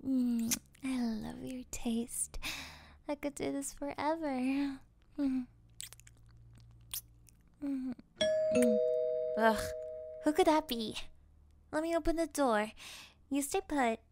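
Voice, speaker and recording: A woman's voice: sits high, a little mellow, soft background music. A woman voicing a mocking, obsessive female hypnotist who keeps a captive under her control, in an audio roleplay. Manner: teasing, slow and breathy, often laughing.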